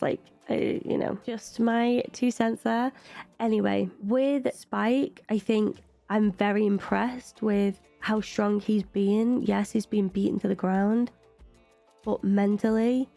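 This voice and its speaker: A British woman with a medium-pitched, gravelly, mellow voice hosts a reaction video. She's chatty and opinionated, offering casual commentary sprinkled with frequent "like" fillers.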